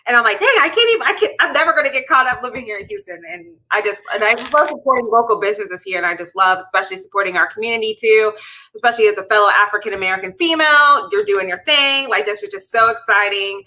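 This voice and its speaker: A woman's voice: a little high, expressive, fast talker, bright, forceful tone, poor audio. A woman from Pittsburgh hosting a casual live interview show, bubbly and rambling, laughing often. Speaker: livestream show host.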